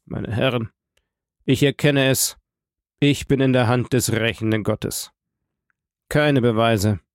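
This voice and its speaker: A man voicing a shattered middle-aged male prosecutor in an audiobook, speaking in a low, pressed, strangled voice. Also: steady tone, slow, clear, resonant tone, no echo, studio quality. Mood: crushed.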